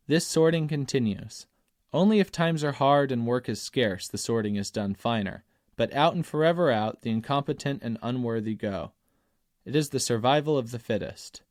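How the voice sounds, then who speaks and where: A man narrating an essay audiobook in a measured, emphatic reading that slows on key phrases. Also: medium pitch, no echo, studio quality.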